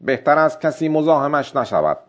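A man reading a storybook voicing a young fisher boy who is grieving, tender and soft-spoken. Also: on the high side, big pitch swings, pitched above the performer's own voice.

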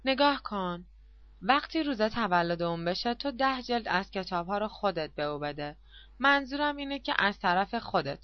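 A woman's voice: mid-range voice, lively intonation, dull audio, natural voice. A woman reading the part of a timid, flustered poor old man, who talks hesitantly and sheepishly, as in an audiobook.

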